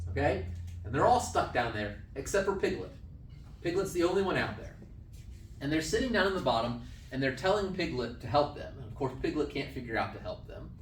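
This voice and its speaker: Animated male camp speaker, echoey room. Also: on the high side, a little hiss or hum. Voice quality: animated storyteller, often checking in with the audience. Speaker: camp speaker teaching a class. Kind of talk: casual lesson talk. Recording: echoey room, mic at a distance, faint ambience.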